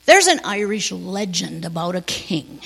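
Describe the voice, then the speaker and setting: A woman preacher telling a story in a gentle sermon, sometimes dropping to a near whisper, in a long church reverb. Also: on the low side, very animated, creaky, slightly rough. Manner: slow, gentle, drops to a near whisper on key lines.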